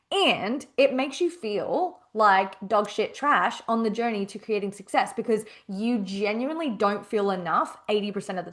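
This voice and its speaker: A young adult woman hosting a casual solo podcast as a coach, emphatic and expressive, repeating phrases and swearing freely. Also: medium pitch.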